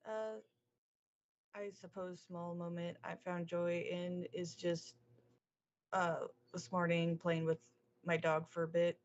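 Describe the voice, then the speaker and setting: A woman chatting casually as a podcast guest, speaking in a hesitant, halting and modest way. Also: lowish voice, little pitch movement, dull audio, a little hiss or hum. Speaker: podcast guest, streamer and artist. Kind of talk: casual chat.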